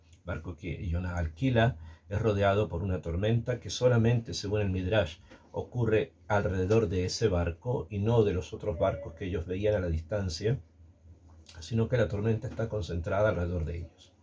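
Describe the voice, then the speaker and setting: A man giving a spoken Torah lesson, pausing often with fillers and restarting his sentences. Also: lowish voice, dark tone, slightly rough. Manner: hesitant, many fillers and restarts. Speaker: Torah teacher.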